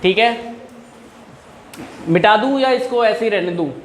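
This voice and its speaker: A man's voice: high-pitched, measured pace, fairly bright tone, slight background noise. A young male teacher in a classroom, explaining English grammar in Hindi mixed with English and joking with students. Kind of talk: classroom lesson.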